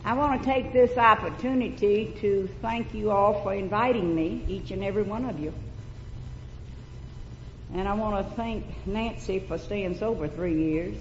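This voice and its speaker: A woman's voice: medium pitch, normal speed. Lady w/ sultry sore-throat voice, teasing speech, echoey hall, muffled tape. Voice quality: sultry, cold-roughened voice. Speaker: invited speaker at recovery meeting. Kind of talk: live speech to an audience. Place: large meeting hall. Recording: echoey hall, dull noisy old tape.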